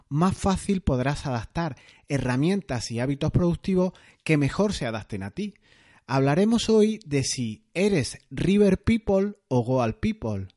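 Man hosting a podcast, mellow voice. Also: fairly high pitch. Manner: explanatory, conversational, with occasional fillers. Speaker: podcast host. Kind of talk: solo productivity podcast.

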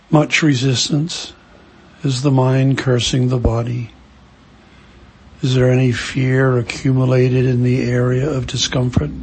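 A man guides a meditation, speaking softly in brief phrases separated by long pauses. His voice sits in the mid range and has a slightly rough texture.

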